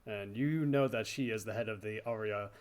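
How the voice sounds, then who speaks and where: A man narrating a tabletop game as dungeon master, describing scenes in a loose, halting way. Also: fairly low pitch, clean tone. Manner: descriptive, hesitant with fillers.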